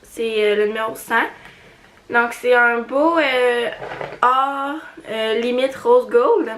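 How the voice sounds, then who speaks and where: A woman's voice: a little high, fairly even intonation, slow pace, fairly bright tone, a little hiss or hum. A young woman with a Quebec French accent chatting casually in a beauty haul video, hesitant with many fillers and little giggles. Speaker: beauty vlogger.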